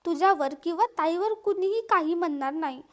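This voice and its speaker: A gentle, patient mother-in-law with a very high voice, as a woman reads her lines. She speaks in a soothing, caring way. She is a figure in a spoken family story. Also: a little fast.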